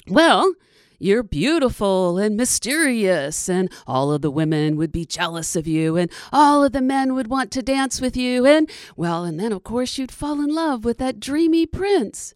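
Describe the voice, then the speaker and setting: A woman's voice: on the high side, animated, no room sound, studio quality. A woman doing an eager fairy groundhog. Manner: eager, fussy, halting. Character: chatty plump female fairy-godmother groundhog student.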